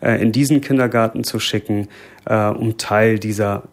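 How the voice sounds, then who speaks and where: A man's voice: fairly low pitch, fairly even intonation, moderate pace. Hesitant German man, thoughtful. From Germany, Bremen. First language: bilingual Lebanese Arabic and German. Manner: thoughtful, hesitant with many fillers. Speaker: interview guest, parent. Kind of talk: conversational interview.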